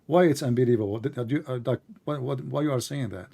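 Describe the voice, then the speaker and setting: A man with a dark, gravelly, mid-range voice hosts a live online debate, speaking quickly and conversationally. He teases, uses sarcasm, and asks questions in plain broken English.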